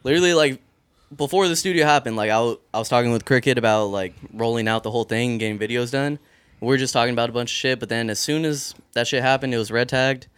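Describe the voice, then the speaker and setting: A man's voice: mid-range voice, fast, fairly bright tone, smooth, no room sound. A man chatting casually as a musician guest, candid, slangy and swearing freely. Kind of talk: casual chat.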